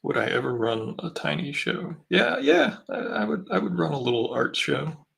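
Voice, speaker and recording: Man, artist livestream host, casual painting walkthrough, lively pitch, deep fry in the voice. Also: normal speed. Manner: explains steps while painting, answers chat questions. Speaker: artist hosting a live painting stream.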